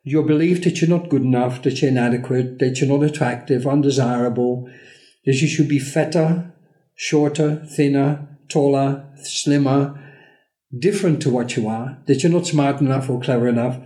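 Mellow-voiced man telling a parable. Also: mid-range voice, reverberant. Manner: tells a parable slowly, acting out the characters' lines. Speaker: podcast co-host. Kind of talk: storytelling in a podcast conversation.

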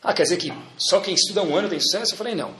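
A man's voice: high-pitched, racing, sharp tone, roomy sound. A man with a Brazilian accent giving a Torah lesson, asking rhetorical questions and acting out little dialogues. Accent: Brazilian Portuguese. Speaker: rabbi teaching Torah.

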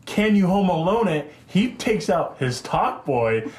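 Brief: playful male podcaster, slightly high voice, echoey room. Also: very animated, background noise. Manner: playful, jokey, puts on quick character voices. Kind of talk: casual movie chat.

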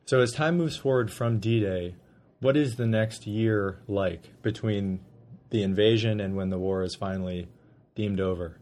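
Male interviewer, formal long questions, warm dark voice. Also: fairly low pitch, unhurried.

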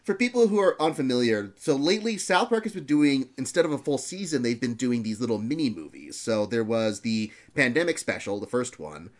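Male podcast host, mid-pitched, animated, giggly. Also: fairly quick, few pauses. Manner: animated, laughs often, playful. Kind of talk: casual review chat.

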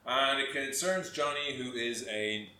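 A man co-hosting a podcast, chatty and rambling, quick to laugh. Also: mid-range voice, sharp tone, echoey room. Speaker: podcast co-host. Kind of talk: casual podcast chat.

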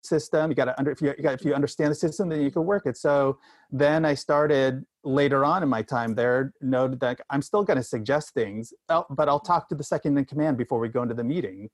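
A middle-aged man speaking candidly as an interview guest, telling personal experience in a halting way, often repeating and restarting phrases. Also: mid-range voice, dry recording.

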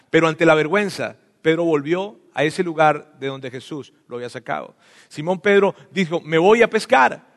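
Pastor preaching, high voice, lively, acts out the lines, echoey church hall. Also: male voice. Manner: animated preaching, acts out voices, swings from loud to hushed. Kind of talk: sermon. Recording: long reverb of a hall.

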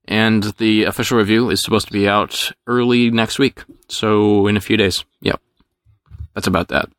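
A man hosting a casual podcast, explaining things quickly and teasing the others. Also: lowish voice, steady tone, a bit bright, no echo, studio quality.

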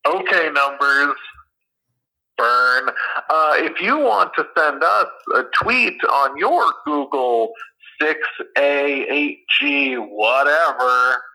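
Sex: man. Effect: phone speakerphone. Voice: very bright. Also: a little high, expressive, takes it slowly, rough recording. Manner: dry joking, stumbles over words. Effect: heard over a phone speakerphone. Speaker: podcast co-host. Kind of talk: casual podcast chat.

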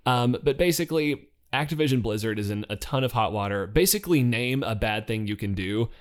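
A man co-hosting a casual news podcast who rambles through the stories with jokes and quick self-corrections. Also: medium pitch, lively intonation. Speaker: podcast co-host.

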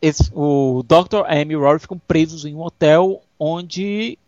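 A woman's voice: deep voice, moderate pace, a little mellow, no room sound. Chatty woman recapping plots, dull dry sound. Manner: summarizing plot with laughs and restarts. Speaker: podcast co-host. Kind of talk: casual chat recapping episodes.

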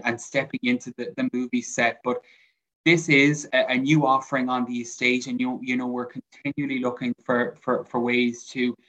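A man's voice: medium pitch, fairly bright tone, highs cut off. A man with a west of Ireland accent speaking as an interview guest in a conversational way, often repeating words as he goes. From County Mayo, Ireland. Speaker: hotel sales executive, interview guest.

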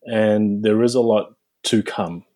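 This guest dentist from New Zealand, a man in his forties, speaks at a fairly low pitch with a steady, dark tone. His interview answers are reflective and halting, full of restarts.

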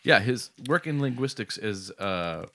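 A man's voice: on the low side, animated, a little slow, bright, forceful tone. A man co-hosting a podcast in casual, rambling chat, full of fillers. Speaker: podcast co-host.

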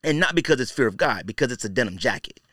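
Talking fast with lively intonation, this podcast host offers blunt, slangy opinions, repeating points for emphasis and dropping "you know" and "man" constantly. His medium-pitched voice is fairly bright, and the studio sound is clean with no echo.

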